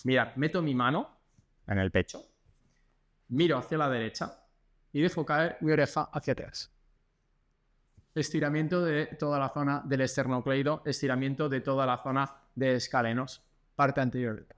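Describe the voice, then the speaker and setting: With a medium-pitched voice, a moderate pace and frequent pauses, a man from Spain who works as a physiotherapist shows exercises, chatting and instructing in a Spanish accent while counting each repetition aloud.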